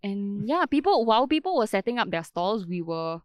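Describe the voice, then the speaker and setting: A woman's voice: mid-range voice, very animated, moderate pace, dry recording. Singaporean woman chatting casually in Singlish. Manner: Singlish, with particles like lah and eh. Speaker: podcast co-host. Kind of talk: casual chat, telling travel stories.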